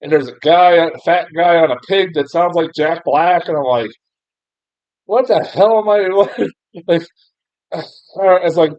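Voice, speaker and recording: Speaking slowly with long pauses, a young American man offers a loose, meandering take on a film in a fairly high voice. English is his native tongue, and he keeps stumbling into fillers and restarts, laughing at his own expense and swearing a bit. The sound is dull, muffled lo-fi with no room sound at all.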